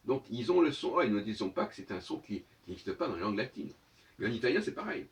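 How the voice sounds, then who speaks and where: Lively-voiced man lecturing from the mic's edge. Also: fairly low pitch, far from the mic. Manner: professorial, argumentative, pausing on "euh" to search for words. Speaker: speaker of his own channel. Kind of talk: lecturing monologue.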